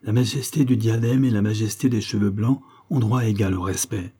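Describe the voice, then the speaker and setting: A man's voice: on the low side, fairly even intonation, normal speed, dark tone, husky. A man voicing a proud, worn-out royal woman in exile, declaiming in a lofty, solemn way. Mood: haughty, solemn.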